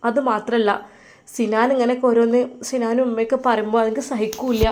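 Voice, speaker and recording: A woman voicing a caring older sister-in-law who gives gentle but firm advice. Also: on the high side, level tone, quick pace, lightly acted. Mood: concerned.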